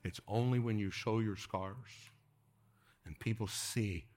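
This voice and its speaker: A man preaching a sermon to a congregation in a church, dropping to hushed whispers and rising to urgent calls, and leading the room in call-and-response. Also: lowish voice, fairly even intonation, takes it slowly, slight background noise. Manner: swings from hushed whispers to raised exhortation, calls the congregation to repeat. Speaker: pastor.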